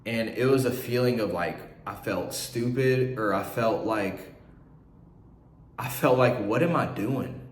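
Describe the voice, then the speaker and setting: A young man telling an emotional personal story to camera, earnest and halting, close to tears. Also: lowish voice. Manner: earnest, halting, with many restarts. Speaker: vlogger. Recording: echoey room.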